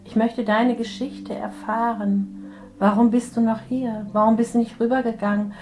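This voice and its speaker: A woman working as a spiritual medium, gently guiding a healing session and speaking softly to a soul. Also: on the high side, flat delivery, normal speed, soft background music, low-quality recording. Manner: soft, soothing, gently addressing a soul.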